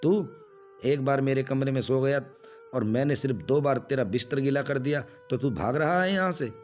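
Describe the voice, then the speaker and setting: A man voicing an old mother in a spoken story, talking softly and slowly. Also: mid-range voice, faint music behind, close to an everyday voice. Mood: reproachful. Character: old mother, patient and loving, finally stern.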